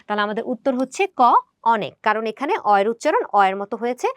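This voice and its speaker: A woman's voice: on the high side, very animated, no echo, studio quality. A young woman teacher explaining grammar in an exam prep lesson, talking straight to her students. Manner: brisk, explanatory, addresses students directly.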